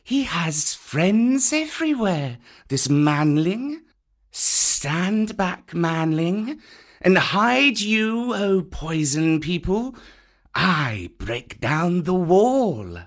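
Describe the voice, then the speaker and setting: A man reading a storybook aloud, voicing a huge old python who talks slowly and slyly. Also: sits high, big pitch swings, pitched above the performer's own voice, exaggerated voice. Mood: amused. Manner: slow, drawn-out, sly. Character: huge old python, slow and menacing, sly.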